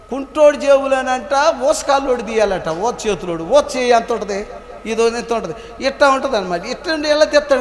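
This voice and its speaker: A man pastor preaching a sermon in a church hall, telling humorous stories and calling on the congregation to answer him aloud. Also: extremely high pitch. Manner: calls on the congregation to answer aloud, animated and playful. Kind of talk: Telugu sermon with humorous storytelling. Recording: echoey hall with long reverb.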